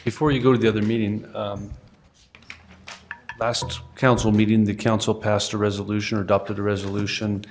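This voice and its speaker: A man's voice: fairly low pitch, flat delivery, brisk, faint music behind. A man with a Utah accent, a city council member, speaking matter-of-factly and reading out an agenda. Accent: Utah English. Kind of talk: council meeting remarks.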